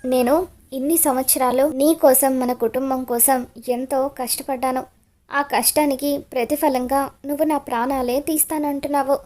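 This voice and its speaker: A woman's voice: high-pitched, steady tone, moderate pace, mellow, natural voice. A woman voicing a scheming wife who pleads and pretends to cry. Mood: pleading. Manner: pleading, fake tearful.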